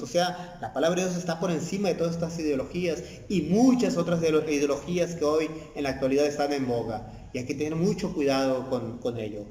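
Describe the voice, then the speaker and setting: A man's voice: a little high, a little mellow, a little hiss or hum. A man with a Mexican Spanish accent preaching a sermon in a church hall, earnest, repeating phrases and using many "eh" fillers. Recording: echoey church hall with long reverb.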